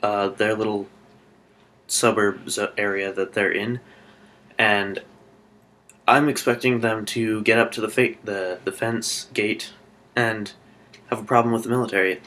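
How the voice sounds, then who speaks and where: A man from Alaska talking through a TV episode in a casual review vlog, rambling and excitable with lots of fillers and restarts. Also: on the low side, a little slow, long pauses.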